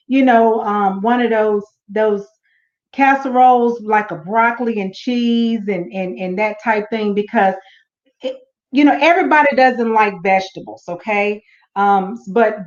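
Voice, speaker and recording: A woman on a church panel, talking in a thoughtful, unhurried way with many fillers and restarts. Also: fairly high pitch, roomy sound, muffled recording. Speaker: panel guest. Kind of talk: casual church panel talk. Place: church event room.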